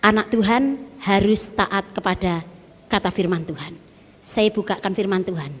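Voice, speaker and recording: A woman, preaching a sermon and telling stories in an animated way. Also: mid-range voice, moderate pace, slightly rough, in a large hall. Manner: animated storytelling, acting out her child and customers.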